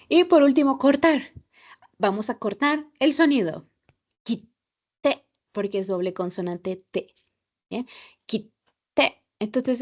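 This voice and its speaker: A woman teaching a Japanese class, patient and repeating each example slowly. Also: a little high, darkish tone, dull audio. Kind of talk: online class lesson.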